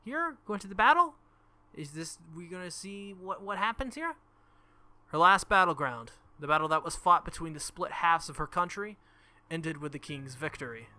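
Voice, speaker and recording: A man reads a visual novel aloud in a let's play, dramatizing the story with casual reactions and the odd stumble over words. His slightly high voice is expressive at normal speed; there's no room sound, but loud game music plays behind his voice.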